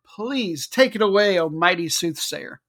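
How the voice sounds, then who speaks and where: Male host, high voice, bright and forceful, chatty tongue-in-cheek sports preview. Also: lively intonation, unhurried, slight background noise. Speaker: football betting show host. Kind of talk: casual comic sports preview.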